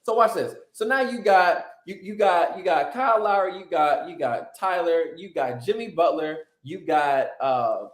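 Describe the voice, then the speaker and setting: A man's voice: sits high, normal speed, few pauses. A man guesting on a casual sports podcast, ranting animatedly and swearing often as he jokes. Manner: animated, profane, joking rants. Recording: roomy echoey sound.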